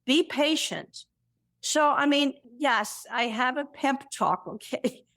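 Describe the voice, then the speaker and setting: A middle-aged woman from Sweden, a cardiologist guest speaking in a warm, reassuring way, laughing often and repeating words. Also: sits high, animated, slow. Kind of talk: conversational interview.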